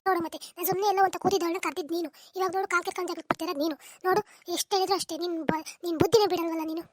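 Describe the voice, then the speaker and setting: Woman doing a squeaky old cartoon mother-in-law, whiny and dramatic, talks super fast, dry close mic. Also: steady tone. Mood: scolding. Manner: wailing, bickering, melodramatic laments. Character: complaining elderly mother-in-law, self-pitying and dramatic. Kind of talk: comic cartoon dub.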